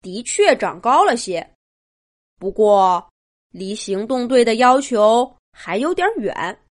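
A woman voicing a calm, caring adult male Doberman police chief in a children's story. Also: on the high side, takes it slowly. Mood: steady.

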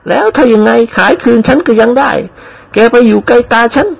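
A man's voice: very high-pitched, fairly quick, gravelly, husky, voice pushed up, heavily acted. A man playing a bossy older noblewoman. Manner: scolding, commanding. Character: bossy older noblewoman, stern but caring.

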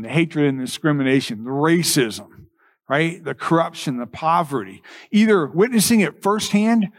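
A man with a somewhat high voice delivers a church sermon. He exhorts his congregation earnestly, repeating key phrases and pausing deliberately for emphasis. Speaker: pastor.

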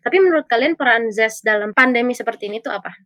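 Casting: young woman podcast host, brisk friendly questions, dry close recording. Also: fairly high pitch, a bit bright, dry recording. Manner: friendly questioning, addresses guests as Kak. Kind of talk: casual podcast hosting.

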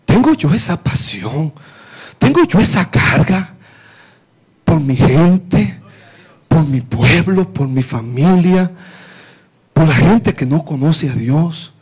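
A man preaching a sermon with passion, repeating words and rising from quiet reading to shouts. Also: a little high, animated, slow pace, long pauses, breathy edge. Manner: impassioned, repeats words, swings from soft to shouting.

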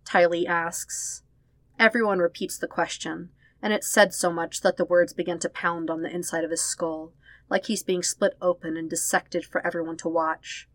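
A woman reads fan fiction as a podfic, narrating a scripted story in a slightly low register at a moderate pace. She is expressive and leans on emotional words. The recording is dry, with almost no room sound and no echo.

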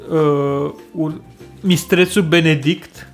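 A Romanian man co-hosting a casual chat, reasoning things out in a dry, deliberate way. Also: on the high side, steady tone, soft background music. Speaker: podcast co-host.

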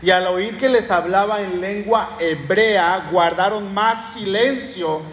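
A man's voice: high voice, slow pace, fairly bright tone, a little hiss or hum. A man with a Mexican Spanish accent preaching a sermon, teaching from the Bible in a conversational storytelling way with frequent restarts. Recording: echoey hall with long reverb, faint ambience.

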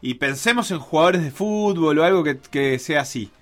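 A man co-hosting a radio sports show, talking in a playful, animated way. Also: a little high, normal speed. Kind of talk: casual radio banter. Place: radio studio.

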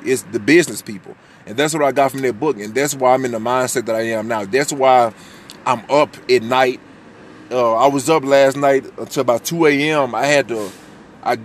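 There's a little background noise as a young American man in his twenties, deep-voiced, hosts a personal podcast. He rambles candidly, swears without restraint, and keeps restarting his sentences.

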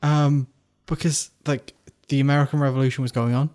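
A man chatting loosely on a podcast, rambling with fillers and frequent restarts. He often corrects himself mid-sentence in a relaxed, conversational way. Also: medium pitch, a little fast, clear, resonant tone. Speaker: podcast co-host. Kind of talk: casual chat.

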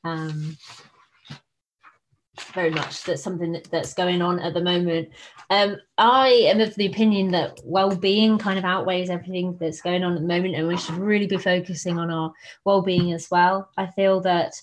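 Casting: woman researcher on a webinar, lowish flat delivery, halting with ums. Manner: hesitant, many ums, earnest. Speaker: guest speaker, researcher. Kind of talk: answering questions in a webinar.

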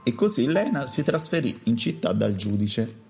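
Man narrating a children's story, calm, mid pitch, faint music under. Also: normal speed, gravelly.

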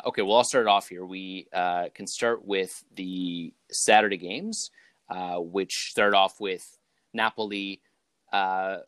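A young man hosting a casual podcast, talking in a relaxed, rambling way with many fillers. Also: low voice, no room sound. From Canada. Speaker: podcast host. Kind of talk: casual chat.

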